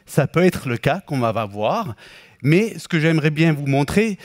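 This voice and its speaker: Higher-pitched man with mixed Swiss German accent. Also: dry recording, clean studio sound. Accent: Swiss German with Québécois and English influence, speaking French. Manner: halting, self-correcting. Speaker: bank product specialist giving a presentation. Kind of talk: explanatory financial presentation.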